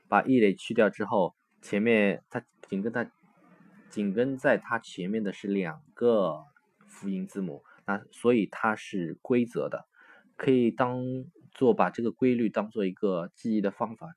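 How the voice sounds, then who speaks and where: A man walks through a recorded textbook lesson. He explains patiently, pausing on fillers and correcting himself now and then. The sound is dry and close, with little room in it. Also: fairly low pitch, no echo. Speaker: Italian language teacher.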